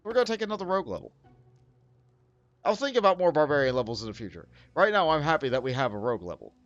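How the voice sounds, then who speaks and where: A man talks through his game choices in a casual, thinking-aloud way, his pitch swinging up and down. The sound is a little dull, with faint game music underneath. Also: fast talker, dry recording. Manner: thinking aloud, animated, with many fillers. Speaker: let's play host.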